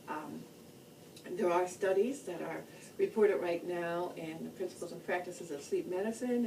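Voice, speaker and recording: A woman's voice: fairly low pitch, dark tone. A woman giving an informal, plain-spoken educational talk about health, explaining things in a loosely structured way. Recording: distant mic, noticeable background noise.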